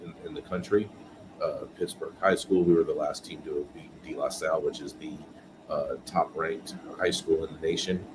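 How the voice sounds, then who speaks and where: A man's voice: a bass voice, fairly even intonation, normal speed. A man in his forties from California, a podcast guest telling his story earnestly with filler words, over a noisy remote line. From California, USA. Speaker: podcast guest, business owner. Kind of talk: casual interview chat.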